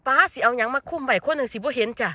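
A woman with an Isan accent, vlogging excitedly while foraging outdoors in a forest, full of exclamations. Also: fairly high pitch, rapid-fire, no echo. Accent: Isan (Northeast Thai). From Thailand. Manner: exclamatory, excitable, lots of cries of delight. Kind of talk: excited foraging vlog chat.

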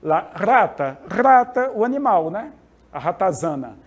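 A male teacher from Brazil with a high voice that swings up and down. He runs a lively vocabulary lesson and keeps turning to the class for agreement. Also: a little slow. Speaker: Spanish teacher.

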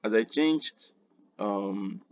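A man hosting a screen-recorded design tutorial, unhurried and thinking aloud with quiet muttered asides. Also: on the low side, expressive, no echo, highs cut off.

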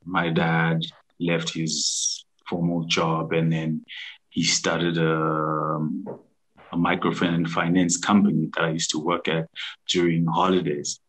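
A man in his thirties from Zimbabwe, a business founder telling his story over a video call in a halting, restarting way. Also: low voice, monotone, fairly bright tone, rough recording. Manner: halting, many restarts and fillers. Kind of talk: casual interview storytelling. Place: room at home, indoors.

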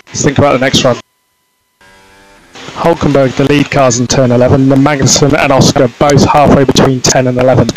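A man's voice: mid-range voice, flat delivery, fairly quick, music in the background. A man working as a race engineer, giving terse, procedural race spotter callouts on traffic over team radio. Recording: noisy car-to-pit radio transmission.

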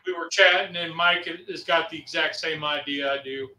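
A man's voice: on the high side, fairly even intonation, moderate pace, pushed and bright, echoey room. A man on a landline phone, co-hosting a live cooking stream in easygoing, rambling chat. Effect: over a landline phone.

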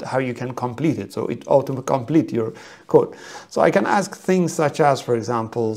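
Gravelly middle-aged man teaching software. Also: mid-range voice. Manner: methodical, explaining step by step with frequent fillers. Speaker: software trainer. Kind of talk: screen-share tutorial.

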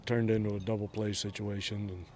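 At a ballpark at night, a middle-aged head baseball coach gives a postgame interview outdoors, answering in short, blunt, matter-of-fact bursts. His voice sits on the low side with little pitch movement, a little fast and a little mellow, over a faint hiss or hum.

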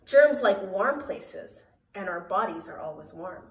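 Expressive woman reading a children's story. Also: medium pitch, a little slow. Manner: expressive, emphatic, sing-song. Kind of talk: children's storybook read-aloud. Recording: roomy echo, voice from a distance.

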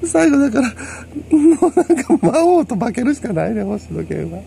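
A man's voice: extremely high pitch, very animated, moderate pace, vocal fry, dark tone, slight background noise. A man with a Kansai accent, rambling through a solo monologue in a lecturing way and chuckling to himself. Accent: Kansai Japanese. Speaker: solo commentator.

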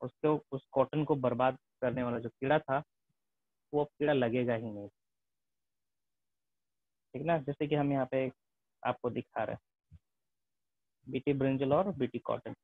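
A man's voice: medium pitch, fairly even intonation, a little slow, pauses often, dry recording. Man teaching a class, thin phone-like sound. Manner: mixes English terms into Hindi, repeats tag questions. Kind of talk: classroom lecture.

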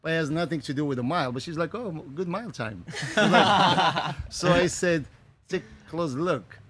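A man in his forties from Morocco, a running coach, speaking in a halting, filler-heavy way into a handheld mic outdoors on a patio. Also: on the high side, expressive, fairly bright tone. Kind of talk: casual interview.

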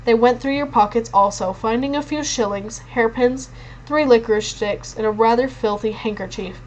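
A woman's voice: a little high, normal speed, highs cut off, slight background noise, natural voice. A woman reading as a haughty young lordling. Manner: lecturing, superior tone. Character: haughty, frightened young aristocratic boy.

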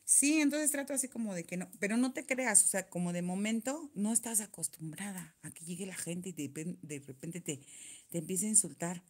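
A woman's voice: lowish voice, normal speed. Chatty Mexican woman venting to viewers. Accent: Mexican Spanish. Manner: chatty, venting, reads viewer comments aloud. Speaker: nail vlogger reading live chat. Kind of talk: casual live chat.

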